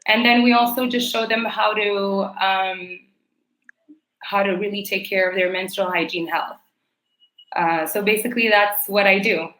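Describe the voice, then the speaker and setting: A woman's voice: medium pitch, steady tone, measured pace, fairly bright tone, reverberant, low-quality recording. A young adult woman from Ethiopia, a fashion designer and entrepreneur, answering interview questions in a chatty way with many fillers.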